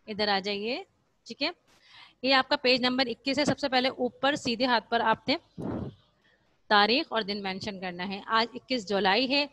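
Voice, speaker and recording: A woman's voice: a little high, a bit bright, dry recording. A woman teacher giving a recorded school lesson to young children, patiently repeating points and answering her own questions, slipping in English words. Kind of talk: recorded online class lesson.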